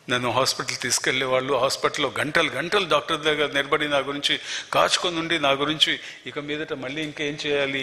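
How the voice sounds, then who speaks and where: A man's voice: fairly high pitch, sharp tone. An older man giving an earnest, emphatic church testimony, repeating his key phrases. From Telangana, India. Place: prayer hall. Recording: long reverb of a prayer hall.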